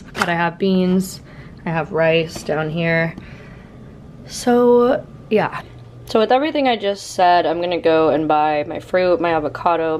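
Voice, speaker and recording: A woman in her twenties with a lowish voice chats casually to her camera at home, moving between her bedroom and kitchen. She's upbeat and thinking aloud as a vlogger, though her voice is still recovering from an illness, and there's slight background noise.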